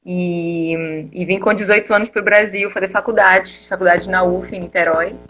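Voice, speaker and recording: A woman's voice: on the low side, steady tone, moderate pace, a bit bright, highs cut off. A woman raised in Angola, a nutritionist guest in a live video interview, explaining her work while thinking aloud. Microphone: earphone mic.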